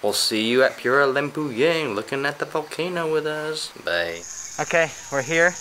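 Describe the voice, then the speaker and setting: An excitable man chatting to his handheld camera, swearing freely as he goes, his pitch leaping up and down. The recording sits in an outdoor space with a clear bed of crickets and insects behind him. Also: moderate pace, a little hiss or hum. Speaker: travel vlogger. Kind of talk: casual vlog chat. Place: outdoors and at an open-air cafe.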